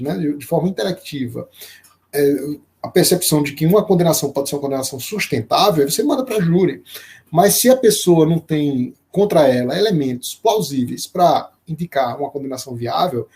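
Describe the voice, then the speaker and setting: A man teaching a live-streamed law lecture, explaining slowly with frequent fillers and restarts and pausing to greet viewers by name. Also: fairly high pitch, a little mellow. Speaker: law professor.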